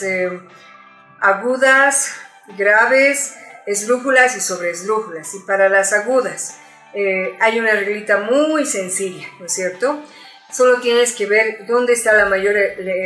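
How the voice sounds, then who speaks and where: A woman gives a spoken lesson, patiently explaining each point with examples and small asides. Her voice sits at a middle pitch. The room is roomy and echoey, with faint music playing underneath. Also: fairly bright tone. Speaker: teacher.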